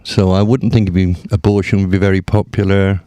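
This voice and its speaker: A man's voice: low-pitched, level tone, a little fast, a crowd in the background. A man co-hosting a casual chat, rambling with wry, dry humor. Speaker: co-host. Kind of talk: casual banter.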